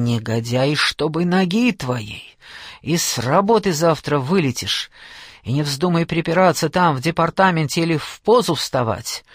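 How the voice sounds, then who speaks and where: A man's voice: dry recording, clean studio sound. A man voicing a shrieking, furious older aunt. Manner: screaming, abusive, shrill outbursts.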